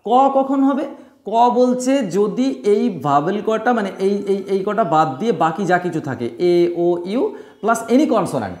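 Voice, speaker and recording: A man's voice: sits high, sing-song, darkish tone. Man teaching pronunciation in an echoey room. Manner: drills words slowly, repeating them; addresses students directly and often. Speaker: English teacher. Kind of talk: classroom-style pronunciation lesson.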